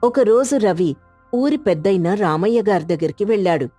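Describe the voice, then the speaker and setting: A woman giving steady, scripted storybook narration. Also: medium pitch, normal speed, dry recording, soft background music.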